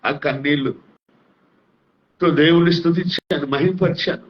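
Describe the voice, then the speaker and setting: A man's voice: a little high, steady tone, unhurried. A middle-aged man giving an emotional testimony as a pastor, earnest and near tears, his fervor rising as he speaks. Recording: dull lo-fi sound.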